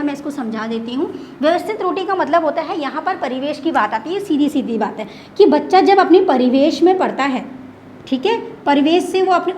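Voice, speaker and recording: High-voiced woman teaching an online class. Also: a little hiss or hum. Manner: explains in simple terms, repeats key words, asks and answers her own questions. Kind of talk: online exam-prep lecture.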